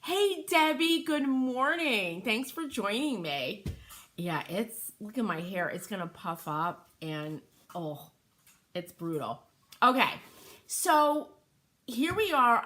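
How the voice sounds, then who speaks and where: A woman's voice: mid-range voice, a bit bright. A middle-aged woman hosting a craft livestream from her home workroom, chatting with viewers by name while she works. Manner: chatty, greets viewers by name, thinks aloud. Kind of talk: casual livestream chat while stenciling. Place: home workroom by an open window.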